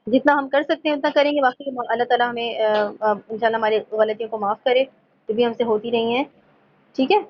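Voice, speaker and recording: Woman teacher for an online lesson, fairly high voice, dull lo-fi sound, slow reading of points, frequent check-ins. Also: fairly even intonation, a little hiss or hum. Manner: explains in Urdu, reads English points slowly from slides; checks in often with "theek hai". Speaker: tajweed teacher.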